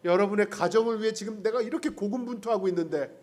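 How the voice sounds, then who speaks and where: A man's voice: high voice, fast, a little mellow. A man pastor preaching a sermon in a church, telling the story with humor, acting out the characters' lines and speaking directly to the congregation. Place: church sanctuary.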